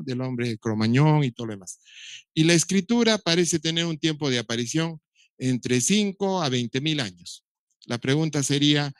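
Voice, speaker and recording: Step by step and with dry humor, a middle-aged doctor explains in a recorded lecture how children learn to speak, even imitating baby sounds along the way. His voice sits at medium pitch, and there's no room sound.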